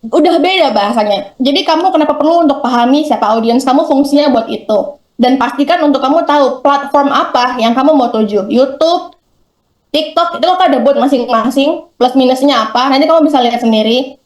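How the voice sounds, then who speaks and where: Chatty high-voiced woman teacher. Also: echoey room. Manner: chatty, acts out quick examples in voices. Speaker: workshop speaker. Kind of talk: classroom talk on content creation. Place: school hall.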